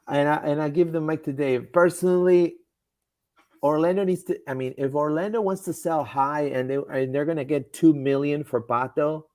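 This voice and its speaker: This podcast host runs a casual live soccer stream, rambling along with lots of fillers, repeated words and restarted sentences. His pitch is ordinary and middle, a little mellow, and the recording is dry and close with no room sound at all.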